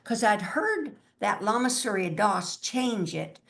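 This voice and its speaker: Slow-talking woman giving a spiritual talk. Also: mid-range voice, expressive, vocal fry, a bit bright. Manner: slow, musing, chants mantras with laughs. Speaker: spiritual teacher.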